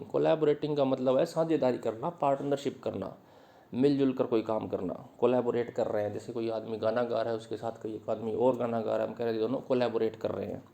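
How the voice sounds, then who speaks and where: Mellow-voiced man teaching vocabulary. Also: medium pitch, gravelly. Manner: explains each word with Hindi meanings and everyday examples. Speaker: English teacher. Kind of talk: vocabulary lesson explaining words.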